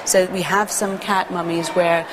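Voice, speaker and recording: Lowish-voiced woman explaining over background noise. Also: little pitch movement, a little slow. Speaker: expert interviewee. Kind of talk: informal explanation. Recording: clear ambient noise.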